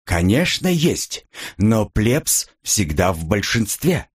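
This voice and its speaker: A man voicing a calm, contemptuous aristocratic brother. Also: lowish voice, takes it slowly, husky, heavily acted. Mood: disdainful. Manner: coolly disdainful.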